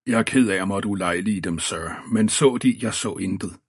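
A man voicing a deep-voiced, apologetic male bystander in an audiobook reading. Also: slightly rough.

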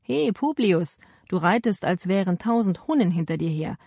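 A woman's voice: on the low side, lively intonation, normal speed, gravelly, darkish tone, slightly rough, no echo, clean studio sound, heavily acted. A woman voicing uneasy Roman gate guards questioning a wounded rider, in an audiobook. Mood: wary.

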